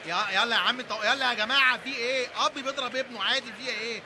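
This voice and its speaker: A young man playing a lazy, whiny son with an Egyptian accent, sarcastic and quick with complaints. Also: a little high, lively intonation, noisy background, lightly acted. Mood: pleading. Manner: whiny, sarcastic, fast-talking.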